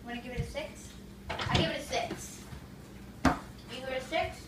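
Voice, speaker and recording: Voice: high-pitched, moderate pace. A child hosting a casual taste-test video, talking while chewing with a mouth full, in a bossy, organizing way. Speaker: host of a kids' taste-test channel. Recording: echoey room, mic far off, noisy.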